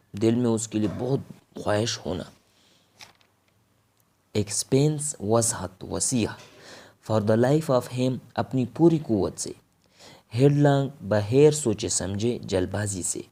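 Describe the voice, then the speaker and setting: A man's voice: medium pitch, warm tone. A man with a Pakistani accent teaching a vocabulary lesson. He says each word, then explains its meaning.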